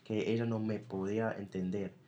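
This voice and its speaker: A man with an American accent, a native English speaker, co-hosting a casual chat and often pausing to search for words. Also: lowish voice, flat delivery, dark tone, dull audio. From United States. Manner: hesitant, searching for words as a learner. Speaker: podcast co-host. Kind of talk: casual conversation.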